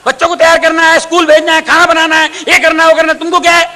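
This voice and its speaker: A man voicing a busy, scolding housewife, shrill and exasperated. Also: monotone, rapid-fire, sharp tone, in a large hall, exaggerated voice.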